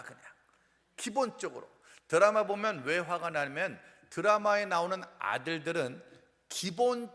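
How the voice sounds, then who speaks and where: A man preaching a humorous revival sermon as a pastor, playful and animated, acting out the complaints of the people he talks about. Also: sits high. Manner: playful, animated, acts out quoted complaints and sings snippets. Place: church sanctuary. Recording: long hall reverb.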